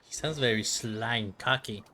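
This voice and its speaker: A man's voice: mid-range voice, normal speed, pushed and bright, slight background noise. A man chatting casually as he streams a game, reacting and asking questions. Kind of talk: casual livestream chat.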